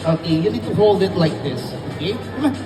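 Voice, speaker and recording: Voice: mid-range voice, animated, fast, recorded from a distance. Echoey kids party magician hosting a live show. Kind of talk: live children's magic show patter, comic audience interaction. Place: large indoor shopping mall event space. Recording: echoey mall hall from afar, loud music and crowd.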